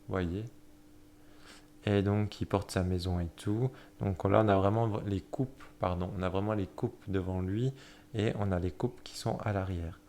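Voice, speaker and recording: A man casually flipping through a tarot deck, talking in a hesitant way with many fillers and self-corrections, often pausing to admire a card. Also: lowish voice, slight background noise. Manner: admiring, soft-spoken commentary.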